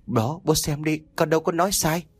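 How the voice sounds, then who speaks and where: A man's voice: fairly high pitch, brisk, slightly rough, dry recording, voice pushed up. A man voicing a scared, pleading young daughter. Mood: fearful. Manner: pleading, insistent. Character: frightened young daughter in a haunted house.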